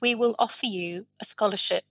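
A woman voicing a guest's life story in an interview, in measured, drawn-out phrases. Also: mid-range voice, no echo.

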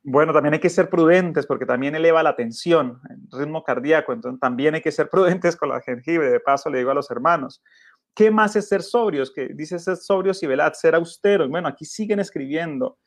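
A man's voice: on the high side, brisk, no echo. Male pastor, earnest and emphatic sermon delivery, dry close mic. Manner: earnest, emphatic, rhetorical questions to listeners. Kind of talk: radio Bible study preaching.

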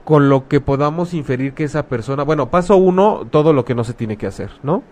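A man's voice: a little high, lively intonation, fairly quick, darkish tone. A man with a Mexican Spanish accent, talking casually and frankly as a host, using slang and acting out quoted remarks. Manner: frank, blunt, uses slang, acts out quoted speech. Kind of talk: casual conversational advice talk.

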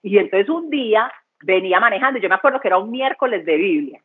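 A woman's voice: mid-range voice, expressive, fast, a little hiss or hum. A woman giving an earnest, conversational church testimony, repeating phrases for emphasis. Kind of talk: testimony talk. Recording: tinny phone-line sound.

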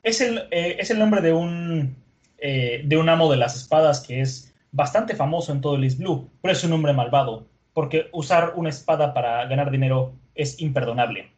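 A man's voice: a little high, moderate pace, a little mellow, natural voice. A man voicing a clumsy, earnest young female sword fighter, eager and flustered.

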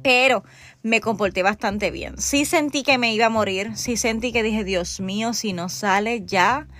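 A woman's voice: on the high side, unhurried, a bit bright. A woman in her thirties with a Puerto Rican accent, hosting a podcast in a candid, chatty way that speaks straight to the listener. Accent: Puerto Rican Spanish. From Puerto Rico. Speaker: podcast host. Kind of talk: casual podcast chat.

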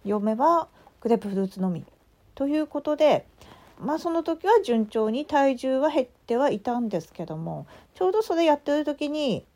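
A woman podcast host with a Tsugaru dialect, telling a story in a casual, animated way with many asides. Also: high voice, normal speed. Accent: Tsugaru dialect of Japanese. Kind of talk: casual solo audio chat.

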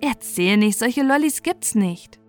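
A woman's voice: on the high side, expressive, unhurried, a little mellow, faint music behind. A woman reading out the chat lines of a frightened but defiant eighteen-year-old girl, her voice a little raised. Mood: wary.

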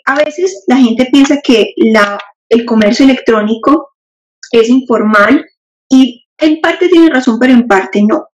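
A woman guest explaining legal matters in an interview, measured and clear, using examples and asking rhetorical questions. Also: fairly high pitch. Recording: dull muffled audio.

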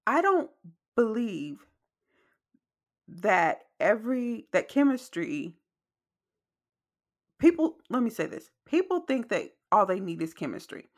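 A woman's voice: mid-range voice, sing-song, measured pace. A woman hosting a reflective podcast conversation, speaking emphatically and repeating phrases for stress, with wet mouth clicks as she talks. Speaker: podcast host.

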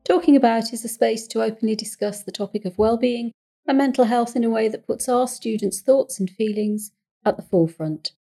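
A woman counsellor hosting a podcast, speaking in a calm, measured way with carefully chosen words and an English accent. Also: on the high side, vocal fry, faint music behind.

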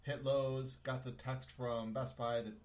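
A middle-aged man co-hosts a podcast from a home bedroom, rambling through a story in casual chat full of fillers. His voice is medium-pitched with little pitch movement, he speaks a little slowly, and there is a slight hiss or hum.

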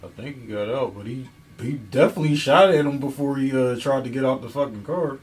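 A man co-hosting a casual chat, mostly mumbling dry jokes with sudden loud bursts. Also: medium pitch, a little fast, distant mic, rough recording. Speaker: podcast co-host.

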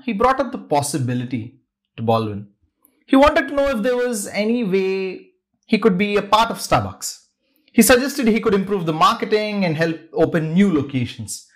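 Lively male podcast storyteller. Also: high voice. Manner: dramatic storytelling with varied pacing. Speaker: podcast host. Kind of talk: scripted narration.

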